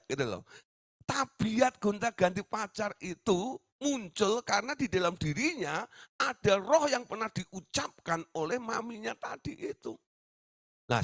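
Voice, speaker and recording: A man's voice: high-pitched, a bit bright, dry recording. Guy preaching a sermon, voice jumps around a lot, dry close sound. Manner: addresses listeners as "Saudara", tag-question fillers. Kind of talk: teaching sermon.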